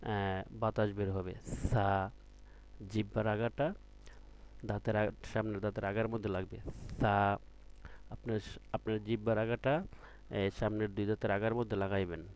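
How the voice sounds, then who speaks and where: Patient male Quran teacher, low voice. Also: level tone, a little mellow, clean tone. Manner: patient, drills with repeated questions to students; drawn-out letter sounds when demonstrating. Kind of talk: online class teaching Arabic letters.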